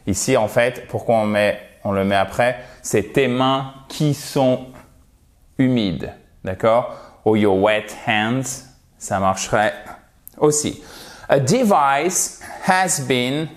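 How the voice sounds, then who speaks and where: A man teaching English vocabulary in a language lesson, patiently repeating words for pronunciation. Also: mid-range voice.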